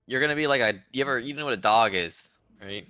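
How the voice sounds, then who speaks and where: A man's voice: mid-range voice, fast talker, bright, forceful tone, dry recording. A man playing a tabletop game in character, boisterous and joking, often repeating himself. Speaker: player.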